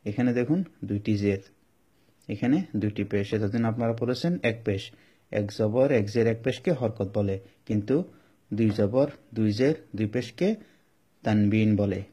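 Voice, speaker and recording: A man's voice: fairly low pitch, warm tone, breathy edge. A man with a Bangladeshi Bengali accent teaching Quran reading, explaining each rule patiently and repeating it several times. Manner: drawn-out chanted Arabic examples. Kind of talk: step-by-step recitation lesson.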